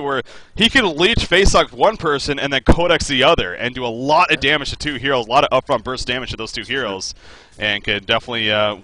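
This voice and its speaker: Fast, bright-voiced male game caster. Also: medium pitch, low-quality recording. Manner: hedging, talkative analysis with many fillers. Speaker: esports caster. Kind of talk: live game commentary. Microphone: headset over voice call.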